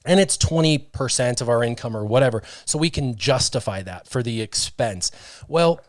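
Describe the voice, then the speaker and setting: Recorded with no room sound, a man in his thirties hosts a relaxed livestream chat from a small brick-walled studio, wearing headphones and speaking into a stand-mounted studio mic. His medium-pitched voice is expressive and moves at a normal pace as he tells lively stories and reads out viewer comments.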